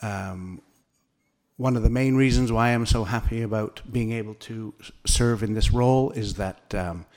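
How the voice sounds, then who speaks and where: A man's voice: lowish voice, moderate pace, darkish tone. A middle-aged man from Nunavut, Canada, a senior police officer introducing himself formally at a council meeting.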